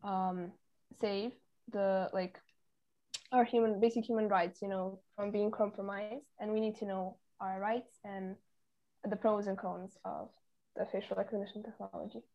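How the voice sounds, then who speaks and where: A woman's voice: medium pitch, level tone, normal speed, dull audio. A teenage woman from Serbia, a committee chair answering interview questions with hesitant, filler-filled speech. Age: teens.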